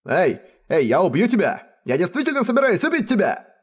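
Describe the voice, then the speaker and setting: Brutish soldiers bellow their threats, as a male narrator puts them on with a voice pushed well above his usual pitch. They sound loud and coarse, like thugs from the hills in a storybook reading. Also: huge pitch swings, brisk, slightly rough, heavily acted. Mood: threatening. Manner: shouting threats.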